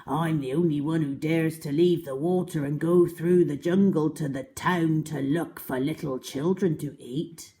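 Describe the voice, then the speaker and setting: A woman's voice: sits low, unhurried, few pauses, mellow. A woman voicing an enormous, greedy, boastful crocodile from a storybook, drawing out words with scheming relish. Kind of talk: storybook character reading.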